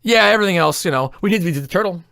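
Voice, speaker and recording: Outspoken male co-host, a bit higher voice, blunt ride critic who swears. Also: expressive, racing, vocal fry, pushed and bright, no room sound, studio quality. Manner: blunt, opinionated, swears freely. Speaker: theme park reviewer. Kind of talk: casual podcast chat.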